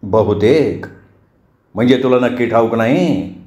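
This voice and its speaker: A man playing a stern middle-aged father who asks slow, controlled, probing questions. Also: medium pitch, lively intonation, a little mellow, close to an everyday voice. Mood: interrogating. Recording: roomy, dull lo-fi recording.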